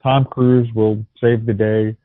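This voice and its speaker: A man co-hosts a casual movie podcast, often restarting with stammers and making wry jokes. His voice is fairly low in pitch with a level tone and a slow pace, with no room sound but tinny, phone-line audio.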